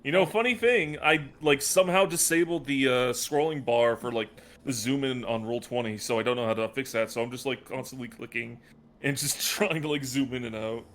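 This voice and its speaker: A man with a mid-pitched voice chats casually as a player in a tabletop game. Faint noise sits behind his voice. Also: a little fast, a bit bright. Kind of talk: casual chat.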